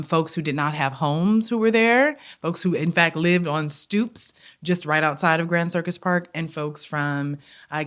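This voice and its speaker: Her voice is deep and a bit bright, carrying a Detroit accent. This Detroit, Michigan native heads a theatre company and, as a casual interview guest, speaks in an earnest, flowing way, frequently adding "right?".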